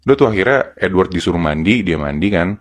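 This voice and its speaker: A man's voice: low voice, animated, fast talker. A man with a Jakarta accent telling a horror story to friends in casual, colloquial steps. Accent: Jakarta Indonesian. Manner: colloquial, step-by-step narration. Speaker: podcast storyteller.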